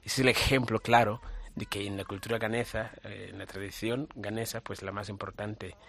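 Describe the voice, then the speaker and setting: A young man from Ghana, a guest in a radio interview, who explains things in a measured way. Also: lowish voice, flat delivery, creaky, a bit bright, breathy edge. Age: young adult. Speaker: interview guest, audiobook author.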